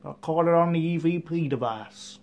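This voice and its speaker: A man's voice: fairly high pitch, moderate pace, darkish tone, lightly acted. A man playing an earnest ghost hunter in a parody news interview, rambling, hesitant and repeating himself. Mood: earnest, insistent. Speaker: paranormal investigator guest. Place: TV studio couch.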